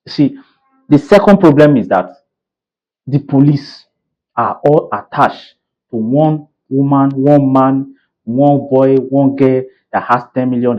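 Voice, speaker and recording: An opinionated Nigerian man talks straight to his viewers, mixing in Pidgin and checking whether they follow. His voice has an ordinary pitch, and the recording sounds a little dull and muffled. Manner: opinionated, mixes in Pidgin, asks "you understand?". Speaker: commentator. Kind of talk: casual commentary.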